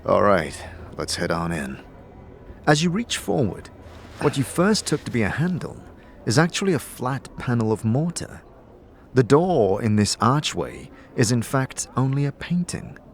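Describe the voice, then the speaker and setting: A man narrates a fantasy audio drama in the second person, reading a script in a measured, storytelling manner. His medium-pitched voice has big pitch swings, and a little hiss or hum runs through the recording.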